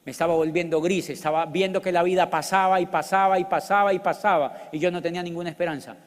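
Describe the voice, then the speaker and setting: A middle-aged man with a Colombian accent, a motivational speaker telling his story in an animated, joking way with loud outbursts. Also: high-pitched, fast. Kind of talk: storytelling business talk. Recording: long hall reverb.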